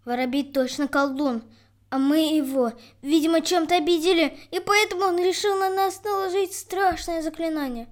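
Storybook crow, anxious and gloomy female bird, as a woman puts her on, very high voice. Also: fairly even intonation, moderate pace. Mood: fearful.

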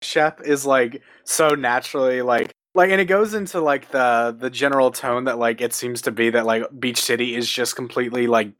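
A man's voice: mid-range voice, moderate pace, few pauses, a bit bright. Rambling man, full of fillers. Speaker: podcast co-host. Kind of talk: casual chat.

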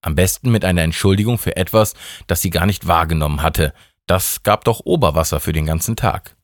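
A man's voice: deep voice, fairly quick, no echo, studio quality. A man narrating a wry scripted story as a radio reader.

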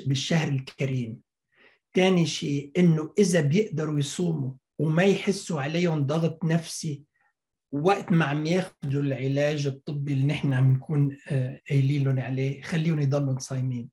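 A man speaks with a Lebanese accent as an expert guest in an interview. He explains things in informal, conversational language. His delivery is halting, with words repeated and sentences restarted. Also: a little high, fairly even intonation, a little mellow. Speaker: fertility doctor, interview guest.

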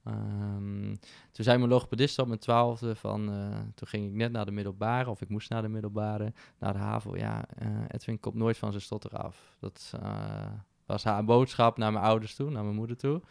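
Gravelly, smooth-voiced man on a podcast. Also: lowish voice, steady tone, moderate pace, a little mellow, no echo, clean studio sound. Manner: reflective, with frequent fillers and restarts. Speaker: podcast guest. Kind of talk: casual podcast conversation. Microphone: podcast microphone.

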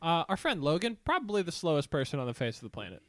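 Young guy from northeast ohio, local accent, deadpan teasing podcast cohost, laid back, dry close mic. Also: fairly high pitch, fast talker, dry recording. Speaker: podcast co-host. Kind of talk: casual chat.

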